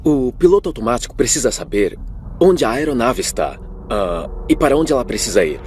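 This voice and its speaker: A man's voice: mid-range voice, very animated, fairly quick, a little mellow, a little hiss or hum, natural voice. A male actor voicing an explanatory aviation expert in a dubbed interview, with a Brazilian accent.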